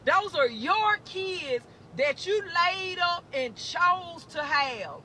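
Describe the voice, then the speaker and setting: A man's voice: very high voice, lively intonation, takes it slowly, pushed and bright, a little hiss or hum. A man in a played clip, delivering a preachy, slangy rant that scolds the listener directly. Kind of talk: preachy street-talk rant.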